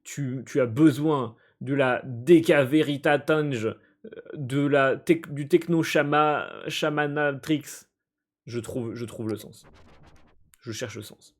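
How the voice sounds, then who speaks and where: Male streamer, mid-range voice, translating a game on the fly: halting, hesitant, quick to laugh. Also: medium pitch. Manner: halting and hesitant, stumbling over words while translating; amused, often breaking into laughter. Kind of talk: live let's-play, translating on-screen game text aloud.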